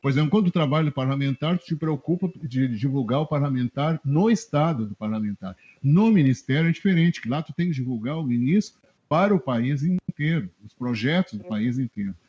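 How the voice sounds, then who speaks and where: A middle-aged man from southern Brazil, a journalist guest telling animated anecdotes in a casual interview and chuckling often. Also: mid-range voice, fairly quick, slightly rough. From Rio Grande do Sul, Brazil. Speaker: journalist guest, press adviser. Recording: dull lo-fi web radio audio.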